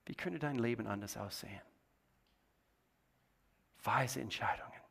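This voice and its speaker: A male pastor delivering a sermon in a dramatic, expressive way, with strong swings in volume. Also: measured pace, vocal fry, slightly rough. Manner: dramatic, swings between booming and hushed.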